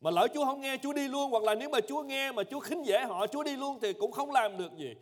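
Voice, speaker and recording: A man preaching a sermon as pastor in a church, emphatic and swinging between loud cries and hushed low phrases. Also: quick pace, long reverb tail.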